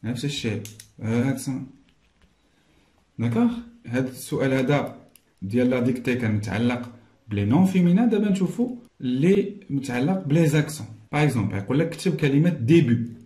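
A man with a Moroccan accent giving a recorded lesson to pupils, switching between Darija and French and slowly repeating words as he explains. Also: medium pitch, lively intonation, dark tone, reverberant. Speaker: teacher.

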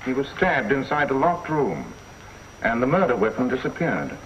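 Shrewd, unflappable inspector; varied, expressive delivery; muffled vintage TV sound. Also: male voice, mid-range voice, normal speed. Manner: cool, probing, dry understatement. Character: calm shrewd male police inspector. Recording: dull 1950s TV soundtrack, faint hiss.

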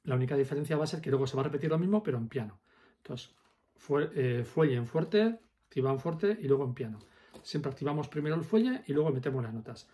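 A man's voice: fairly high pitch, mellow. A man teaching accordion step by step, patiently explaining fingering and counting the beats aloud. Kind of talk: step-by-step music lesson.

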